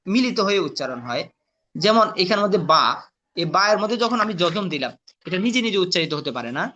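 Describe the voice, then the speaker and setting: A man teaching Quran letter reading in a patient classroom lesson, spelling out sounds slowly and quizzing his students with questions. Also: sits high, sharp tone.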